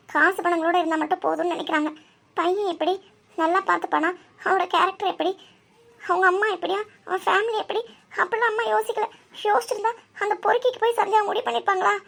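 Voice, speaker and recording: A woman's voice: very high-pitched, gravelly, a bit bright. A woman voicing characters in a family drama cartoon, pleading and tender in some scenes and urgent and tearful in others. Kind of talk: acted cartoon dialogue.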